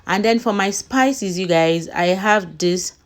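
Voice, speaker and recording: A woman's voice: medium pitch, slow. A woman narrating a recipe casually as a cooking vlogger, chatting directly to her viewers. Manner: chatty, addresses viewers as "you guys" often.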